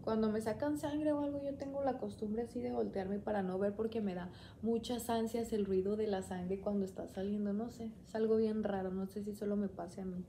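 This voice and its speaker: A woman's voice: medium pitch, steady tone, fairly quick, hardly any pauses, warm tone, slight background noise. A young woman, chatting and rambling as she tells a personal story on her vlog. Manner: chatty, rambling, quoting herself often. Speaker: vlogger.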